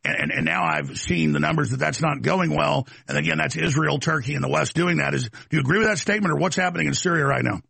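A man's voice: on the high side, expressive, fast talker, vocal fry, hardly any pauses, pushed and bright, husky, no echo. A male host pressing his guest with heated, pointed questions, often stammering and restarting his sentences. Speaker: talk show host.

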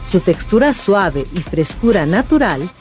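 A woman reading short informational segments in a smooth scripted narration. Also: on the low side, very animated, measured pace, darkish tone, soft background music.

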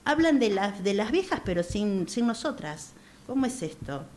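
An earnest Argentine woman in her sixties, an activist for older women, speaks as a guest on a radio interview. Her medium-pitched, slightly mellow voice is very animated at a moderate pace, emphatic, with repeated phrases and many hesitations, over a little hiss or hum.

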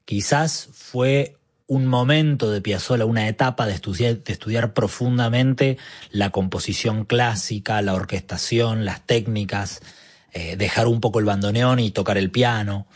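Husky Argentine man, reflective. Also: on the low side, moderate pace. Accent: Argentine Spanish. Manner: reflective, searching for words. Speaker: guest musician. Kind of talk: relaxed interview conversation.

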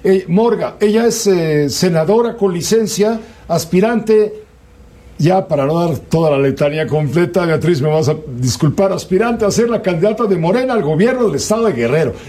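A man's voice: high-pitched, expressive, moderate pace, mellow. A man hosting a news program, introducing a guest and asking pointed, needling questions. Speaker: radio news host. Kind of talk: interviewing a guest.

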